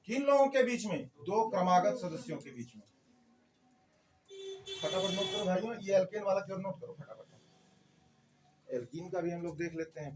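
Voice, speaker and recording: A man's voice: sits high, far from the mic, a little hiss or hum. A man teaching a chemistry class, quizzing the students and answering his own questions. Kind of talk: classroom lecture.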